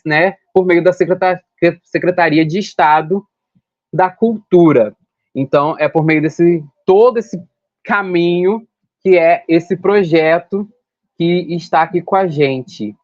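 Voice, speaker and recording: A man's voice: on the high side, no room sound. A young man from Rio de state, hosting a podcast in a chatty, rambling way, often correcting himself. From Rio de Janeiro state, Brazil. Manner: chatty, rambling, with self-corrections and long lists. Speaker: podcast host. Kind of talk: casual podcast chat. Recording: dull lo-fi sound, dry.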